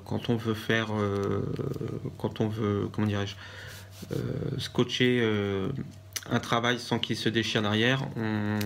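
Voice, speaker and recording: A man from France with a French accent, chatting casually in a craft haul vlog and pausing often with fillers and restarts. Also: fairly low pitch, creaky. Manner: hesitant, many fillers and restarts. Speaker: vlogger.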